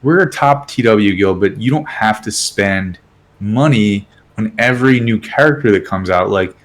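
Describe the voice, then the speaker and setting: A man's voice: on the low side, normal speed. A man co-hosting a casual gaming podcast, blunt and profane, laughing often. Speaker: podcast co-host.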